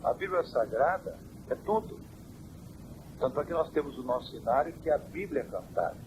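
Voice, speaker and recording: Church elder on hissy worn tape. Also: male voice, medium pitch, animated. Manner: measured, preaching doctrine. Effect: old worn cassette tape. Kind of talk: interview answers.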